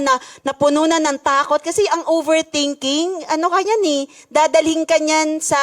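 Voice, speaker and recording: A middle-aged woman pastor with a Filipino accent, preaching a sermon in a church and switching between Tagalog and English. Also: high-pitched. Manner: preaching in mixed Tagalog and English with rising emphasis.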